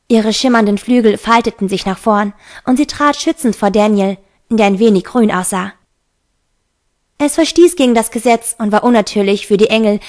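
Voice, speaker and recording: A woman narrating a fantasy novel in an even, steady reading. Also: mid-range voice. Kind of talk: audiobook reading.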